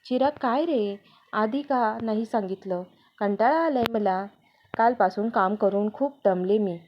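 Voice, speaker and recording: A woman voicing a shy but quick-to-scold young wife in a read-aloud family story, on a dull lo-fi recording. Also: mid-range voice, a little hiss or hum, lightly acted. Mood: annoyed. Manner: scolding, bashful. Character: young wife, shy and tired, easily vexed.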